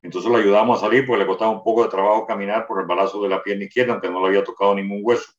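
A man's voice: lowish voice, steady tone, rapid-fire. An older man giving a detailed first-person account in an interview, with frequent restarts. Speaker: interviewee recounting a wartime memory. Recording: roomy, distant, dull sound.

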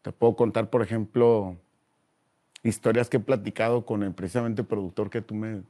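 A man with a Mexican Spanish accent talks through a relaxed interview in a warm, mellow, darker tone. He speaks in slangy, animated bursts and jumps into little voices while he tells his stories. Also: fairly low pitch, normal speed. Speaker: guest. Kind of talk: casual interview chat.

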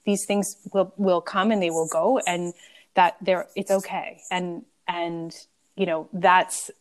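A woman's voice: on the low side, fairly even intonation, takes it slowly. A woman hosting a casual conversation, affirming her guest and often asking "right?". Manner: warm, affirming, frequent "right?".

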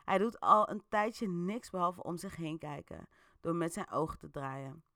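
A chatty woman hosts an interactive story and narrates it with playful asides and plenty of fillers. Her voice is fairly low yet bright and sharp. It sounds dry and close to the mic. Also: expressive, measured pace, vocal fry, dry recording. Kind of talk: casual storytelling with audience votes.

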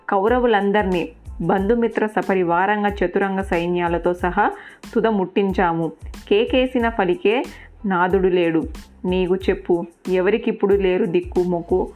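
A woman's voice: mid-range voice, moderate pace, darkish tone, natural voice. A woman voicing a furious, mighty male warrior who taunts his fallen enemy harshly, with faint music behind. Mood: gloating.

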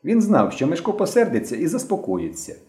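A man narrating an audiobook in an expressive storytelling manner. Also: on the high side, fairly quick. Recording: roomy echo.

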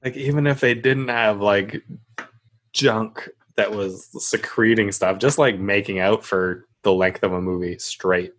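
A man's voice: lowish voice, fairly even intonation, unhurried, a bit bright. A man co-hosting a podcast, chatting casually about a show with crude, laughing humor. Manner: crude joking, laughs often. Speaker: podcast co-host. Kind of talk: casual recap chat about a sitcom. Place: remote internet call recording.

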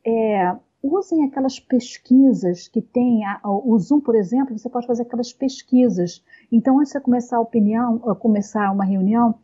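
A woman talking at length in a casual conversation, explaining points slowly with many fillers and pauses. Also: fairly high pitch, warm tone, husky, highs cut off. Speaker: guest speaker on communication.

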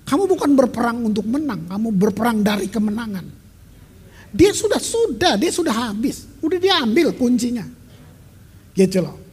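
Husky middle-aged male pastor preaching. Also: extremely high pitch, big pitch swings, moderate pace, darkish tone. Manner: emphatic, conversational preaching with English phrases. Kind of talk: sermon. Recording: long reverb of a large hall.

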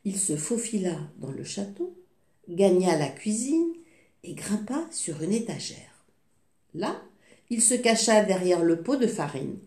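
A woman reads a fairy tale aloud at an unhurried pace. Her voice rises and falls widely, with the odd small slip. The room gives it a clear echo. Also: mid-range voice. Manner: slow, expressive reading with small slips. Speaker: storyteller. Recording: echoey room.

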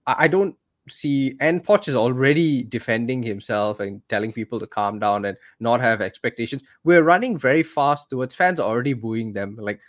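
Male podcast co-host, casual and chatty, exasperated edge, mid-pitched voice. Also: moderate pace, fairly bright tone. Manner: chatty, exasperated, frequent restarts and "mate". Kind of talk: casual chat.

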